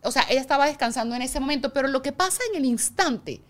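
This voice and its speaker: A woman who works as a therapist, a guest on the show, telling client stories in an animated way and acting out what people said. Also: sits high, quick pace. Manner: animated storyteller, acts out clients. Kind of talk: conversational interview.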